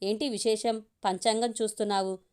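A woman reading aloud voicing a playful husband in an audio story, light and teasing. She keeps her own middle pitch for him. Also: steady tone, a little fast, darkish tone, clean tone, natural voice.

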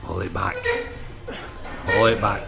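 Speaking slowly in a low, steady voice with vocal fry, an English coach with a northern accent records a workout in a large gym. He barks short commands and tallies reps as music plays.

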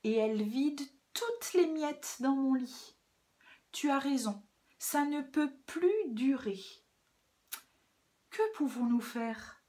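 A woman voicing a gentle, sly old grandmother in a children's storybook, talking softly and soothingly. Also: high-pitched, expressive, takes it slowly, pauses often, pitched above the performer's own voice. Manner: soft and soothing.

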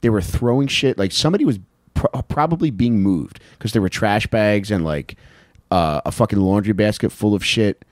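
Speaking into a handheld mic held close, this thirty-something man co-hosts a comedic true-crime podcast from couches in a small indoor room. His fairly low voice is animated at a normal pace, casual, blunt and freely profane, with no echo.

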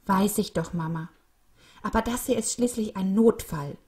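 A woman voicing an excited young boy in a storybook reading. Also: moderate pace, lightly acted. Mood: eager. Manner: eager, calling out high.

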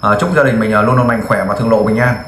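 A man's voice: on the low side, fast, a bit bright, roomy sound, slight background noise. A man in the field interviewing a family, asking direct, coaxing questions. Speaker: volunteer interviewer.

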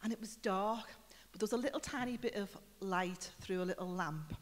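A woman's voice: medium pitch, fairly quick. Woman preaching in an echoing church. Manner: chatty storytelling with questions to the congregation. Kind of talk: conversational sermon. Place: church building. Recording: reverberant church hall.

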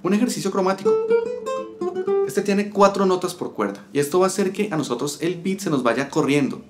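Guitar teacher with a fairly high voice. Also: male voice, brisk. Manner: counts rhythm syllables aloud. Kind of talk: step-by-step music lesson. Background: guitar playing.

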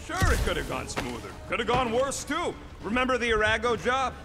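A high-voiced, combative little raccoon mercenary in a video game. He wisecracks in brash, street-tough slang over music. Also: sing-song, fairly quick, vocal fry, exaggerated voice. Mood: smug.

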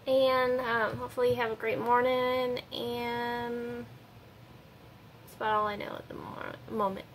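With little pitch movement and an unhurried pace, a woman on the high side chats to a phone held at arm's length, a little hiss or hum in the audio. She's a tired, congested vlogger, slightly nasal, rambling with fillers from her home kitchen and a parked car.

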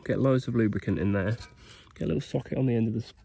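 This twenty-something man talks at a racing pace in a mid-range, creaky voice that's both mellow and husky. He's a vlogger mechanic stripping an engine by an old digger outside at night, narrating cheekily and thinking out loud for a camera set up nearby.

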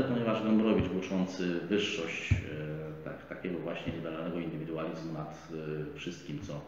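A middle-aged man giving measured political commentary as a guest at a studio table, talking in a deliberate, lecturing way with frequent drawn-out hesitations. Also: sits low, a little mellow. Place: bright indoor studio set at a table. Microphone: table microphone on a stand, camera framed wide. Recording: echoey, roomy, slightly dull, faint hiss.

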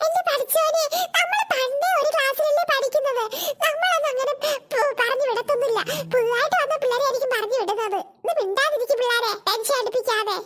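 A woman voicing chattering young schoolgirls in a cartoon, giggling and gossiping quickly. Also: very high-pitched. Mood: worried. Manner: rapid excited chatter, squeals and giggles. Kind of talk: cartoon voice acting.

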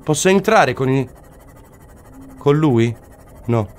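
A man's voice: medium pitch, animated, slow, faint music behind. A man commentating his own video game play, exclaiming and repeating short phrases over and over. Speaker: gaming commentator.

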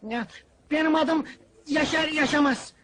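An actor playing a naive, easily fooled young goalkeeper in a 1970s film comedy, speaking meekly with bewildered mumbles. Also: male voice, very high voice, steady tone, measured pace, bright, forceful tone, full character voice. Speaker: hired goalkeeper. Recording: noisy old film soundtrack with crowd.

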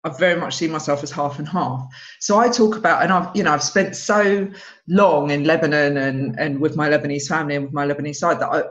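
Speaking a little fast in a low voice, this Essex-accented stand-up comedian from England, in her thirties, chats casually on a video call from home. She tells stories with animation, voicing other people's lines herself. The sound is dull, lo-fi call audio.

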